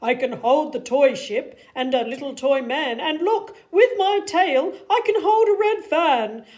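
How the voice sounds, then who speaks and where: Woman playing the Cat in the Hat, showy and animated. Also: high-pitched, voice pushed up. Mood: boastful, excited. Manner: showy, emphatic, drawn-out words. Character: playful, boastful, showy male trickster cat. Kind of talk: animated children's storybook reading.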